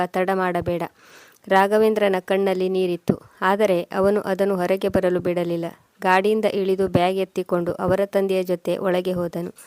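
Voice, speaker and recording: A woman narrating an emotional family story in a steady scripted reading, close to the mic. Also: mid-range voice, no room sound.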